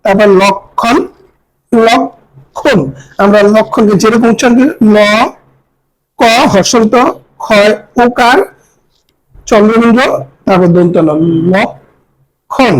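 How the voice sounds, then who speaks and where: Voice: medium pitch, moderate pace, long pauses, poor audio. A teacher giving a recorded grammar lesson, patiently repeating each word and spelling it out letter by letter.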